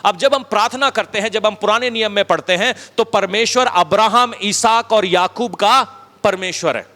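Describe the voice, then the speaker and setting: A man preaching a sermon as a pastor, talking conversationally and dropping his voice low to stress a point. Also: moderate pace, sharp tone, in a large hall. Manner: conversational preaching, acts out quotes, drops low for emphasis. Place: church hall.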